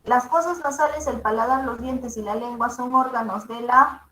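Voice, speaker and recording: A woman's voice: on the high side, fairly even intonation, moderate pace, sharp tone, slight background noise. A woman teacher with a mezzo-soprano voice gives a classroom lecture, checking in with her students after each point. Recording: echoey room.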